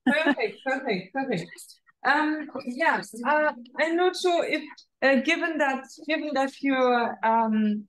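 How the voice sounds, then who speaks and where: A woman with a notably high voice moderates an online panel over a video call. She asks her question haltingly, with many pauses, fillers and restarts. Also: expressive, a bit bright, rough recording.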